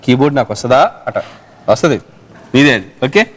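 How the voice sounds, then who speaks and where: A man's voice: mid-range voice, fast, very noisy. A man hosting a TV quiz show, teasing a young contestant playfully and reading out contest instructions announcer-style. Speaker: game show host.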